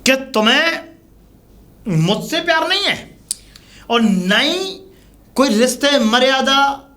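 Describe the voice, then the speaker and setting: Brief: an actor as a scolding, defensive husband, bright voice that swings widely in pitch. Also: male voice, expressive, slow, heavily acted. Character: angry neglectful husband, adult man. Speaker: elder brother and husband. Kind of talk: low-budget Hindi short drama acting.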